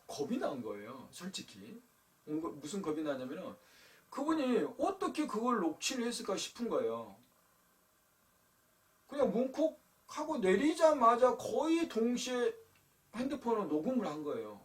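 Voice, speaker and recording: Lively-voiced pastor preaching to youth. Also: male voice, on the high side, distant mic. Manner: conversational storytelling, addresses youth directly. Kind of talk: youth sermon. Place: church sanctuary.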